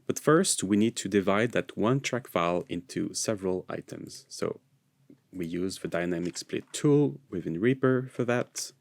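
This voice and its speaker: A software tutorial presenter narrates a screencast in an informal, explanatory way, speaking English as a non-native with an American leaning. His deep, gravelly voice is animated at a moderate pace, with no room sound.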